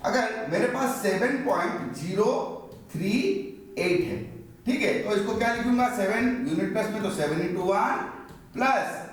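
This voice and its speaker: A higher-pitched man teaching maths, his voice rising and falling a lot as he works through an example on the board. He keeps asking questions and then answers them himself. The sound is very echoey, and he stands some way back from the mic. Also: expressive, measured pace, distant mic. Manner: explains step by step, asks and answers his own questions. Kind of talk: classroom maths lesson at a board.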